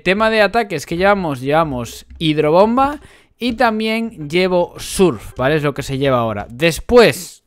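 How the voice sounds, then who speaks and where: A man's voice: mid-range voice, smooth. A young man from Spain with a Spanish accent, talking casually to viewers as he explains a game build and plays. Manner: chatty, addresses viewers as cracks and chavales. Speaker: gaming YouTuber. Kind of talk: casual gameplay commentary.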